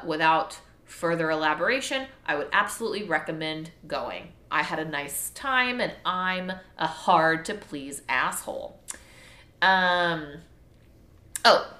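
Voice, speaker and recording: A woman's voice: deep voice, sharp tone. Frank, swearing woman chatting in echoey room. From Texas, USA. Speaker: vlogger. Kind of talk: casual chat to viewers.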